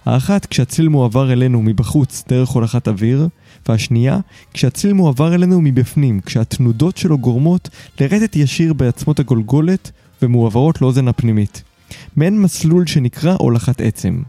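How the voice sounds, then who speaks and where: Male podcast host, dark dry voice. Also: medium pitch, expressive, dry recording. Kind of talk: scripted podcast narration and casual chat.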